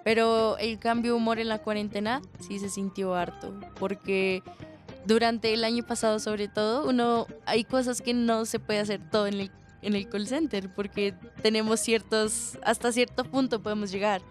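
A woman's voice: fairly high pitch, moderate pace, faint music behind. A woman who works at a call center, chatting and acting out her callers' lines. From Colombia. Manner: animated, acts out callers' lines. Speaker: call center agent guest. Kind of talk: casual conversation.

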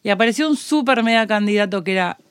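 A woman's voice: medium pitch, fast, smooth, dry recording, studio quality. A Uruguayan woman on a podcast, telling a story in casual chat and acting out the quoted dialogue. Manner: animated, acts out quoted dialogue.

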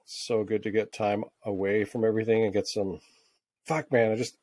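A man's voice: fairly low pitch, steady tone, moderate pace, darkish tone, no room sound. A man co-hosting a casual podcast chat, laid-back and laughing often, swearing freely. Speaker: podcast co-host, tattoo artist.

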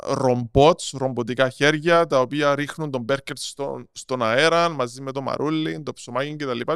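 A man with a Cypriot Greek accent explaining things in casual interview talk, halting and repeating words as he goes. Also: mid-range voice, vocal fry, smooth, no room sound, studio quality. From Cyprus. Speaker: podcast guest, marketing strategist.

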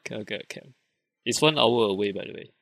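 A man's voice: fairly low pitch, quick pace, vocal fry, fairly bright tone. A Singaporean man chatting casually, telling an anecdote in colloquial style with rhetorical questions and quoted dialogue.

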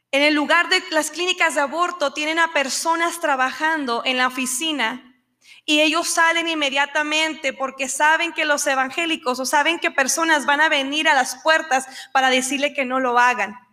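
A woman's voice: sits high, fairly even intonation, moderate pace, sharp tone. A woman preaching a sermon, telling a story with passion and acting out the people in it. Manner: impassioned, acts out quoted voices.

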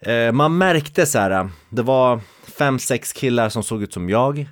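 A man in his thirties chatting as a guest, telling stories in a relaxed way and laughing often. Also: medium pitch, no room sound, studio quality. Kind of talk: casual chat.

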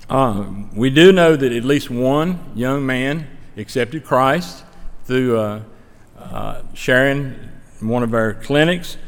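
With long hall reverb on the recording, a man with a mid-range voice delivers a plainspoken slide-show report on a mission trip to a church. He speaks folksy and earnest, in a conversational Stokes County, North Carolina accent.

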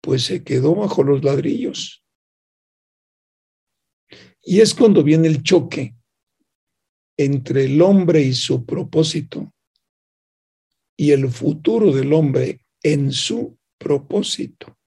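Hosting a reflective radio talk, a man retells a news story and voices both sides of its dialogue, asking the listener rhetorical questions. His voice sits on the high side with a dark, slightly rough tone. He speaks slowly and pauses often.

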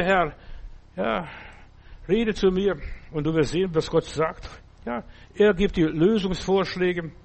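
Emphatic preacher, man, higher voice. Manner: emphatic, repetitive preaching with swings in loudness; addresses listener directly with "verstehst du?". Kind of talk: sermon.

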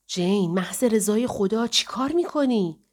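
A woman's voice: mid-range voice, expressive, a little mellow, lightly acted. A suspicious, curt female caretaker, read by a woman narrator in an audiobook. She answers in short, guarded lines.

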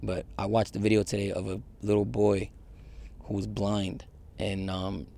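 Guy with a low gravelly voice just rambling honestly to camera, lots of likes and um, swears a bit. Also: completely flat delivery, normal speed, mellow. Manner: rambling, heavy use of fillers and profanity. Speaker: vlogger. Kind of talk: candid confessional monologue.

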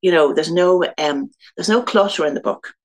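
A woman's voice: on the low side, normal speed. A woman from Dublin with an Irish accent, a guest author chatting casually in an interview, rambling through stories and laughing often. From Ireland (Dublin).

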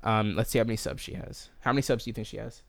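A man's voice: on the low side, steady tone, racing, creaky, no echo. A man co-hosting a podcast, telling a story in casual chat with a rambling, joking, self-deprecating manner. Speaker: podcast co-host.

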